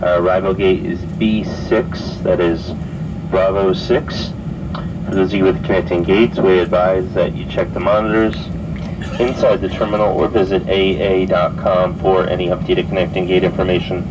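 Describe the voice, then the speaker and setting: A man making an arrival announcement over an airplane cabin loudspeaker, practiced and repeating key details. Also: low-pitched, little pitch movement, normal speed. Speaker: flight attendant. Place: airplane cabin after landing. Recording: muffled distant PA in loud plane cabin. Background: aircraft engine noise.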